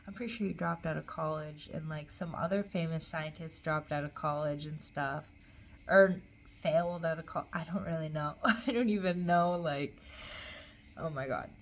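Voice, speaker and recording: A woman's voice: sits low, slight background noise. A young adult woman in a casual, rambling solo chat, talking in a loose, tipsy, giggly way and trailing off mid-thought. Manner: tipsy, loose, meandering drunk talk. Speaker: vlogger.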